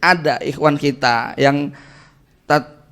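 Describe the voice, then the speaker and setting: A man's voice: on the high side, moderate pace. A man giving a casual Islamic study lecture as preacher and family counselor, talking conversationally and animatedly and tagging his phrases with little checks to the audience. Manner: conversational, tags nearly every phrase with "ya" and "gitu kan"; animated, jumps between stress and quiet asides.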